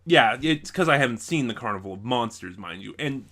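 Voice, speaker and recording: Speaking directly to viewers, this video reviewer and channel host keeps things casual and full of opinions. His medium-pitched voice is brisk and sharp, with lively intonation.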